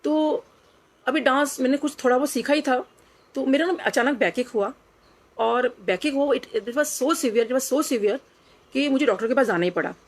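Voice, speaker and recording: A woman's voice: high voice, moderate pace. A middle-aged woman, earnestly sharing a personal devotional story and slipping English phrases into her speech. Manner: earnest, reflective, drops into quoted dialogue, mixes in English phrases.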